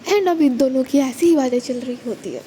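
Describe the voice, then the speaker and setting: A woman narrating a serial story in a calm, plain way and closing with a friendly sign-off. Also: high voice, brisk, a little hiss or hum, poor audio.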